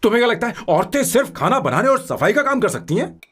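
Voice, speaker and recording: A man's voice: extremely high pitch, very animated, fast, fairly bright tone, slightly rough, exaggerated voice. A man dubbing a lovesick young man, the boss, in a film, pleading and indignant by turns. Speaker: film character. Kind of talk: dubbed film dialogue. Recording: film soundtrack with faint music.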